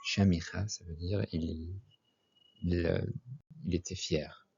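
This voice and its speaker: A man's voice: low voice, fairly even intonation, slow, gravelly, a little mellow, slightly rough. A man teaching an Arabic lesson, spelling out letters and repeating each example word twice before explaining it. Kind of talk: slow methodical language lesson. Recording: dull lo-fi recording.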